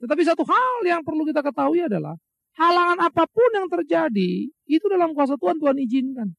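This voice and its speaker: A man's voice: extremely high pitch, very animated, quick pace, creaky, a bit bright, dry recording. A middle-aged male pastor preaching a sermon, emphatic, asking rhetorical questions and answering them himself, talking straight to his listeners in a colloquial way. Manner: addresses listeners as brothers and sisters, colloquial asides. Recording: muffled, slightly lo-fi, dry.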